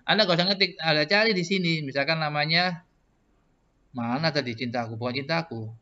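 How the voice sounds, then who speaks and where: Male computer-lab instructor, patient and step-by-step, bright and slightly high voice, dull lo-fi classroom sound. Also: fairly quick. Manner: patient, step-by-step, repeats "Pak" often. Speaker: computer networking teacher. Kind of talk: classroom tutorial with student questions. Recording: muffled lo-fi classroom recording.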